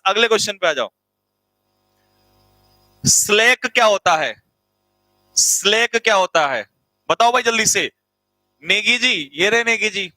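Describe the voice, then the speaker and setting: A man's voice: sits high, bright, forceful tone, no room sound, poor audio. Teasing man teaching vocabulary in class. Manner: teasing, jokey, calls students beta and bhai; repeats meanings for students to write down. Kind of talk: classroom vocabulary lesson in Hindi. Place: classroom with students present.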